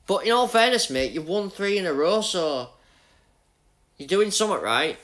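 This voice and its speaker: A young Yorkshireman streams a racing game, casually talking to viewers, greeting them by name, laughing a lot and joking about his unlucky breaks. He speaks at normal speed in a fairly bright voice, slightly high for a man, with big pitch swings and an easy, matey manner.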